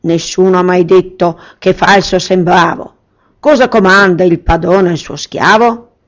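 A woman's voice: lowish voice, steady tone, a little slow, natural voice. A woman doing a reverent genie of the ring. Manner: solemn, reverent, rhyming declamation. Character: huge servile genie of a ring, male.

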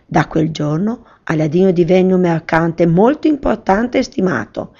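A woman storyteller reads a children's fairy tale aloud. Her voice sits fairly low for a woman. The telling is gentle and measured. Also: slightly rough, highs cut off.

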